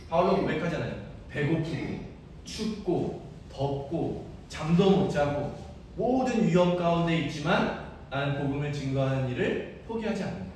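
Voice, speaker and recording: A man's voice: a little high, far from the mic, a little hiss or hum. A male priest giving an earnest, personal sermon in a church, with self-deprecating asides. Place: large church sanctuary. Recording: echoey church hall from afar.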